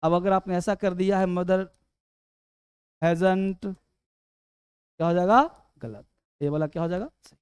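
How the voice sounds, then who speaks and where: A man teaching English grammar, quizzing students and urging them to answer fast. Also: high voice, fairly even intonation, darkish tone, clear, resonant tone, no echo. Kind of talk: classroom lesson.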